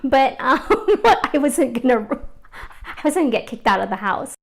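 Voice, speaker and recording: A woman's voice: high voice, big pitch swings, unhurried. A woman from the Philippines talking candidly and reflectively in a documentary interview, telling personal stories in a casual way. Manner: candid and conversational, reflective, with fillers and laughs. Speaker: interviewee, arts organizer.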